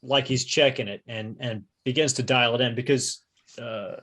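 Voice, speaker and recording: A man's voice: mid-range voice, moderate pace, a bit bright. A man playing in a tabletop game, methodically explaining his rolls and his character's skills. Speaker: player. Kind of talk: casual tabletop play.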